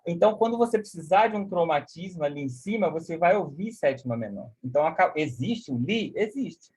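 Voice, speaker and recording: A man's voice: a little high, expressive, fairly quick, darkish tone, husky. A man giving a live online music lesson, explaining concepts with many "né?" and singing solfège syllables. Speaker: music teacher. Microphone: video call.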